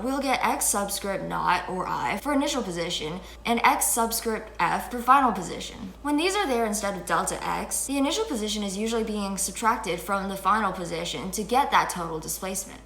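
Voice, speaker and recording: A fifteen-year-old girl hosts an educational video, explaining physics in an upbeat, chatty, self-deprecating way while seated indoors before a fixed camera framed chest-up. Her voice is mid-range and fairly bright, and the small room with window blinds sounds echoey.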